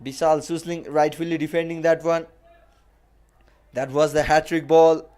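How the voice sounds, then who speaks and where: A man's voice: on the high side, flat delivery, normal speed, darkish tone, clear, resonant tone. A man giving live cricket commentary as the match commentator, repeating phrases for emphasis.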